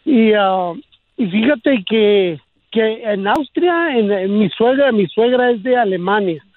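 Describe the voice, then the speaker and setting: High-pitched man with a Chicano border accent. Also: animated, dry recording. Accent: northern Mexican border, Chicano. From Naco, on the Sonora-Arizona border. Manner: slangy, halting, repeats himself. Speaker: radio show caller. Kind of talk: casual chat, telling personal stories. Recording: muffled, thin, dry phone-like sound.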